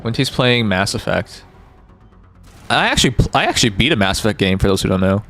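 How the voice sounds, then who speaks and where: A man's voice: on the low side, lively intonation, fairly quick, fairly bright tone, faint music behind. A man hosting a livestream, chatting informally and jokingly with his viewers into a close microphone. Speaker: live streamer, host. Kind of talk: casual livestream chat with viewers.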